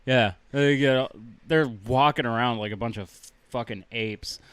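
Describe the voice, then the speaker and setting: Young man, profane ranting podcast co-host, clear voice, dry close sound. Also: medium pitch, a little slow, no echo. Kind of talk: casual chat.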